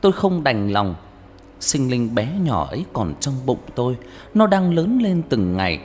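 This horror tale is told by a man with a medium-pitched voice at a moderate pace, in a dramatic, expressive audiobook manner. Reverb and background music accompany the narration.

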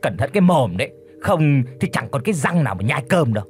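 A man's voice: medium pitch, sing-song, quick pace, soft background music, natural voice. A man voicing an arrogant older deputy village official who scolds and threatens. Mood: bossy. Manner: bossy, scolding.

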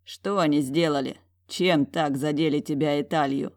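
A woman voicing a smug, teasing dragon general who speaks in a slow, low whisper. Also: steady tone, no room sound, clean studio sound, close to an everyday voice. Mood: tender whisper.

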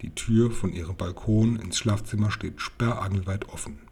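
A man's voice: lowish voice, normal speed, a little mellow, slightly rough. A man reading as a kindly old grandmother. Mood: eager.

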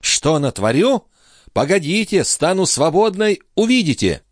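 Male reader doing a high, wailing young woman for a storybook, defiant and desperate, dry close sound. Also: expressive, moderate pace, dry recording, lightly acted. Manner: sobbing, pleading, shrill outbursts.

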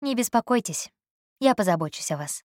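A composed young woman who never raises her voice, speaking softly and evenly with quiet irony. A woman reads her in an audiobook, recorded close and dry. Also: a little high, dry recording, pitched above the performer's own voice, natural voice. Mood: calm. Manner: even, soft and unhurried.

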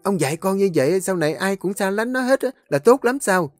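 A man's voice: sits high, lively intonation, a little fast, soft background music, voice pushed up. A man voicing a worried, pleading middle-aged mother. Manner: pleading, anxious.

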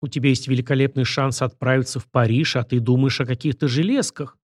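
A man's voice: mid-range voice, fairly even intonation, fast talker, no room sound, studio quality, close to an everyday voice. A man voicing a playful teasing woman. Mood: pleading.

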